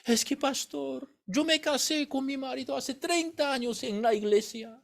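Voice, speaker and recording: A man voicing a distressed middle-aged woman who pleads with her pastor in a tearful, high-pitched voice. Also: measured pace, gravelly, exaggerated voice. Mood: complaining.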